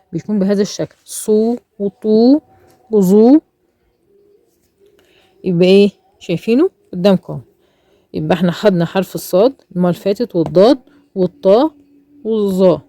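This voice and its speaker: A woman's voice: mid-range voice, mellow, no room sound, clean studio sound. A woman with an Egyptian Arabic accent teaching a children's reading lesson, asking questions and answering them herself, stretching out sounds.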